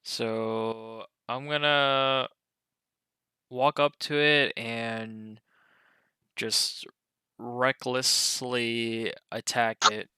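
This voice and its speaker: A man's voice: medium pitch, flat delivery, pushed and bright, smooth, dry recording. A man playing a tabletop game over an online voice call, eager and playful. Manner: eager, playful, quick to laugh. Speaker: player. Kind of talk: casual tabletop play.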